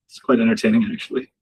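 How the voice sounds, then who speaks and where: A man hosts a live trading session from his home office in Dubai, chatting casually, joking with viewers in the chat and laughing often. His mid-range voice is husky with a darkish tone, and the recording is low quality.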